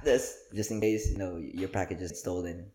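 A man's voice: low voice, measured pace. A man with a Filipino accent, hosting a podcast and telling stories in casual banter, laughing often. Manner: animated storytelling, laughs often. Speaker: podcast host.

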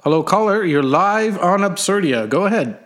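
A man co-hosting a comedy call-in show, greeting callers in a smooth, upbeat radio-host delivery. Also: sits high, animated, moderate pace, a bit bright. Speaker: podcast co-host taking calls.

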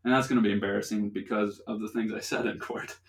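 A man's voice: lowish voice, fairly even intonation, fast. A young man telling a rambling, profane story in casual chat on a podcast, laughing often. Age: young adult. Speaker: podcast host.

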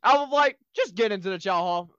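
A woman's voice: medium pitch, animated, fairly quick, a bit bright, smooth, dry recording, muffled recording, lightly acted. A woman playing a stern, exasperated training officer who scolds her cadets sarcastically. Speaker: officer in a comedy skit.

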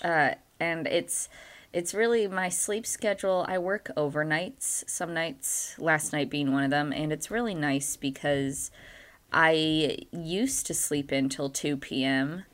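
A woman's voice: low voice, takes it slowly, fairly bright tone. A woman co-hosting a casual chat podcast, groggy from just waking up, rambling in a playfully dramatic way. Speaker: podcast co-host.

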